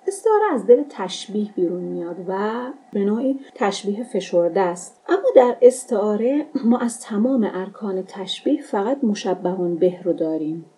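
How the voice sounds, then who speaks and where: A woman teaching a literature lesson, explaining step by step in a measured way and slowing down to recite verses and examples. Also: mid-range voice, dark tone.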